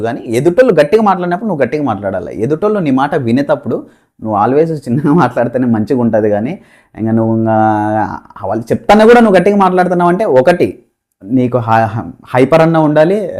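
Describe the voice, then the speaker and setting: A man's voice: mid-range voice, a little mellow. A man giving a casual, opinionated recap of a reality show episode, chatting and chuckling as he goes. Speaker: show commentator.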